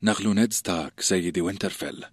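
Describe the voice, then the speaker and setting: Audiobook: man reading a steady young swordsman, low and husky. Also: fast, no echo. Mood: calm. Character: serious young male swordsman, calm and steady.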